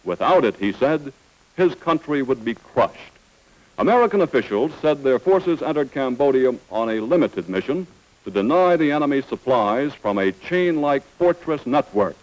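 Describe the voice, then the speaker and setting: Old newsreel narrator, male, steady formal announcer read, mid-pitched voice. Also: poor audio.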